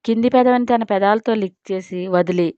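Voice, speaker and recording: A woman's voice: mid-range voice, moderate pace, dry recording. Woman storyteller, scripted narration, plays all the parts, dry close sound, a little dull. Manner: reads all characters in a mostly even voice.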